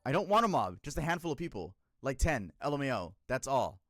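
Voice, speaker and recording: Animated, swearing young man streamer. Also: fairly quick, no room sound, clean studio sound. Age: 20s. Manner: animated, emotional, profane, swings between loud outbursts and low muttering. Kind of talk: casual livestream storytelling to chat.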